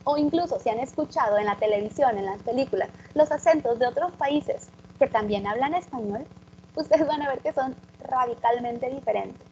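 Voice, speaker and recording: A woman's voice: high voice, moderate pace, dark tone, lo-fi sound, slight background noise. A woman, an English teacher giving a public talk and explaining things directly to her audience.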